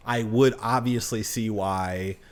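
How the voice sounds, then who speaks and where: A man's voice: lowish voice, steady tone, slow. A man co-hosting a podcast in casual chat, patiently explaining his point in a matter-of-fact way. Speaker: podcast co-host.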